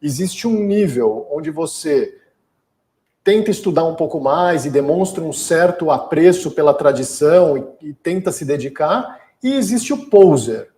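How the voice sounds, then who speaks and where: A Brazilian yoga teacher answering a question in a casual lecture, explaining patiently. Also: male voice, fairly high pitch, animated, unhurried, warm tone, reverberant. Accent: Brazilian Portuguese.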